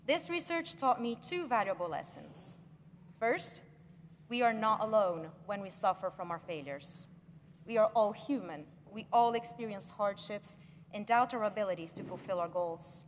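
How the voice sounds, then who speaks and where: A young woman from Brazil gives an earnest, measured commencement speech as graduate speaker, leaning on key words. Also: medium pitch, expressive. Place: large ceremony hall. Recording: echoey hall with faint ambient noise.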